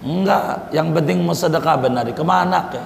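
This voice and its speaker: A man's voice: fairly high pitch, moderate pace, creaky. A male preacher giving a folksy sermon, repeating his points and addressing the listeners as brothers. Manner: folksy, repetitive, calls listeners "saudara". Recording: echoey hall with faint noise.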